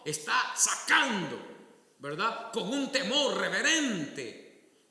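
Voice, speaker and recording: A man pastor preaches a sermon in a bright, sharp voice, slow and deliberate. His delivery jumps between loud exclamations and low asides. The sound rings with long church-hall reverb. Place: church sanctuary.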